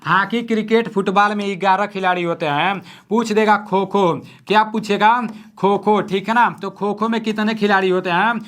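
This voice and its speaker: A young man teaching exam questions at home at night, talking softly and repeating each question. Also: high-pitched, steady tone, moderate pace, few pauses. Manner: soft-spoken, repeats each question, frequent "theek hai na". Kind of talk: quiz-style exam lesson.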